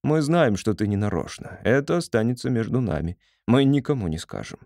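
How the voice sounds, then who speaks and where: A man's voice: mid-range voice, sing-song, brisk, a little mellow, dry recording, clean studio sound. A man voicing a stern, sly male wolf for an audiobook, grumbling and coaxing in turns. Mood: urging. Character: gruff, sly male wolf, loyal friend. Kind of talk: audiobook character voice.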